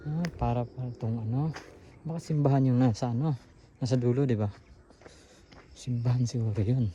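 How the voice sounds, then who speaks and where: A vlogger with a warm, mid-range voice narrates a casual running vlog, out of breath as he explores a hillside trail on a handheld camera. He chats casually to his viewers, and the recording carries a little hiss or hum.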